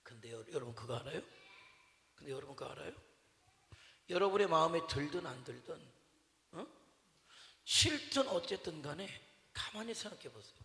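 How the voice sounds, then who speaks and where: A man's voice: on the high side, gravelly, sharp tone. A male pastor preaching a sermon to his congregation, talking conversationally, quizzing them with repeated questions and telling stories about his mother with humor. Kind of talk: sermon at a Wednesday evening service. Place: church sanctuary. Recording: echoey church hall with long reverb.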